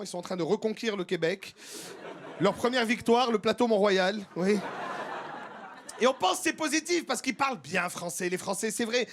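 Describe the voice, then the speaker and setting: Man, stand-up comedian, high voice, animated, jumping between voices. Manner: animated, slips into many put-on accents. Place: comedy stage before a live audience.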